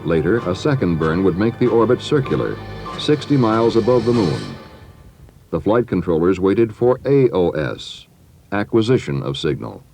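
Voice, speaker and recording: A low-voiced man narrates a documentary with measured, dramatic pauses. His delivery swings expressively in pitch, over background music. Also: sing-song, creaky, darkish tone.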